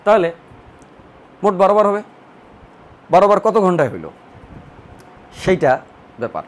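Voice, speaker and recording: A man tutoring math, working through a problem slowly and step by step, thinking aloud as he draws. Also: high voice, sing-song. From Bangladesh. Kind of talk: recorded math lesson.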